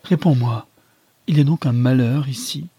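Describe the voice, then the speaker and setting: A man's voice: mid-range voice, moderate pace, warm tone, slightly rough, no room sound, voice pushed up. A man reading aloud voices a frightened young bride, raising his voice into an anxious, pleading tone.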